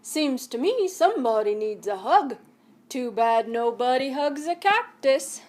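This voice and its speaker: A woman voicing a blunt male cowboy in a children's storybook read-aloud, speaking loudly and matter-of-factly. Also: high-pitched, very animated, measured pace.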